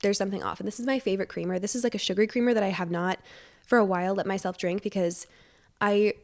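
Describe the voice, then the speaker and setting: Stuffy-nosed, bubbly woman podcaster. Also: medium pitch. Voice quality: stuffy, congested nose. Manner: bubbly, rambling, self-deprecating humor. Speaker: podcast host. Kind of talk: casual chatty solo podcast. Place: living room at home. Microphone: wired podcast microphone.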